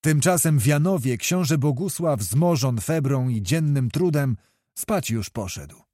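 A man reading a historical novel aloud as an audiobook narrator, in a measured storytelling manner. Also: mid-range voice, expressive, mellow, dry recording, studio quality.

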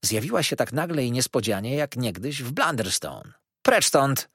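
A man's voice: mid-range voice, very animated, normal speed, fairly bright tone, slightly rough, no echo, studio quality. A man reading a novel aloud as an audiobook narrator, telling the story expressively. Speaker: audiobook reader. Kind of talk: scripted narration.

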